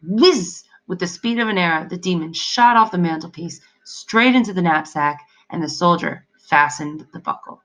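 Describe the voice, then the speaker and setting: A woman reads a storybook aloud, steady and expressive. Her voice is bright and crisp, sitting slightly low. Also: poor audio. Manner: expressive, measured. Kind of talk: storybook read-aloud narration.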